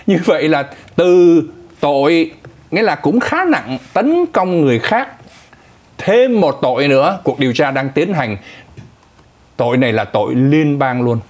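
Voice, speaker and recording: A male co-anchor telling and commenting on the news in a lively, conversational way, speaking directly to the audience. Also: on the high side.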